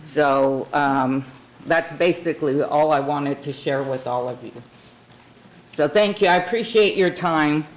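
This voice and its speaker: A woman's voice: low-pitched, a little slow, low-quality recording. Earnest conversational woman speaking publicly. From California. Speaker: public commenter at a city council meeting. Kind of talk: informal public comment speech.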